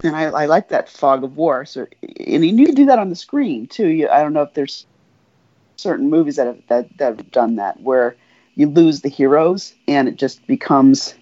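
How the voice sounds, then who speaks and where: A man's voice: fairly high pitch, animated, moderate pace, dark tone, no echo, muffled recording. A man who teaches, chatting in a casual book discussion, conversational and prone to trailing off and restarting.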